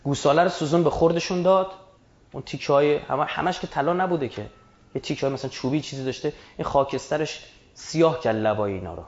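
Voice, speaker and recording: A man's voice: fairly high pitch, reverberant, muffled recording. A man giving a religious lecture in an emphatic, colloquial way, full of rhetorical questions.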